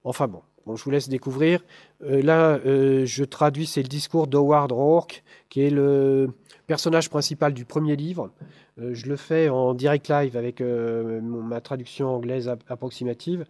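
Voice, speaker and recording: A French lecturer gives a live conference talk with slides, his medium-pitched voice mellow, darkish and steady. He hesitates often, filling pauses and restarting sentences, and tosses dry asides to the audience. The recording is close and dry with no room sound.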